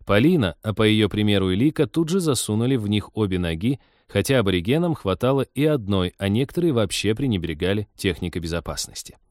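A man narrating a science-fiction audiobook in a wry, even storytelling manner. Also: lowish voice, fast, few pauses, no room sound, studio quality.

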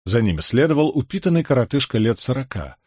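A man narrates a novel in the first person in a measured, expressive way. His mid-range voice rises and falls in a lively way. The recording is close and dry, with no room sound. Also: medium pitch, breathy edge, no echo. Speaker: audiobook narrator.

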